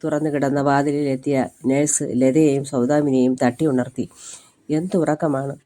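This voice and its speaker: Calm storyteller for narrated short stories, steady reading, mellow tone. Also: mid-range voice, moderate pace.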